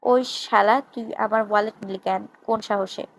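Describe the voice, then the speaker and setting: A woman reading the lines of a drunk, arrogant rich young man who loudly accuses another of stealing his wallet. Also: mid-range voice, steady tone, moderate pace, creaky, natural voice, rough recording. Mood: angry. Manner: loud, accusing, insulting.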